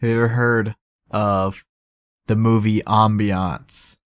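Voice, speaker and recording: A young man co-hosting a casual podcast, chatting and acting out movie quotes with lively energy. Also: lowish voice, takes it slowly, clear, resonant tone, no echo, studio quality. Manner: animated, acts out movie quotes. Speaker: podcast co-host. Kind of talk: casual chat.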